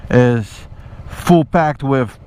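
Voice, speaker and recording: Riding his motorbike through traffic, this man, an army veteran who motovlogs, tells a casual, meandering story, swearing a lot and frequently checking the listener is with him. His mid-range voice draws out words and sounds a little mellow, clear and resonant over the engine and traffic noise.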